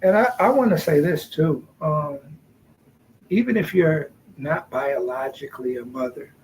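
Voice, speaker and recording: Man, slightly higher voice, slow and laid-back, joking podcast co-host, faint background noise. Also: low-quality recording. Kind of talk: casual podcast chat.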